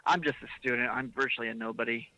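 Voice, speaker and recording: A man's voice: medium pitch, steady tone, rapid-fire, sharp tone, no room sound, poor audio. A young man hosting a podcast, ranting heatedly with swearing and emphatic bursts. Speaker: podcast host. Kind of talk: impassioned podcast rant.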